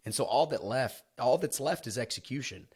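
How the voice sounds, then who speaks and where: A man's voice: mid-range voice, lively intonation, brisk, darkish tone, husky. A man hosting a casual business podcast, talking in a rambling, self-deprecating way with frequent restarts. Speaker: podcast host.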